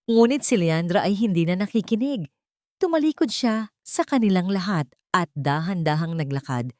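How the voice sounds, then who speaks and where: A woman's voice: low voice, darkish tone, dry recording, studio quality. A woman storyteller reading a scripted drama story with dramatic, emphatic delivery.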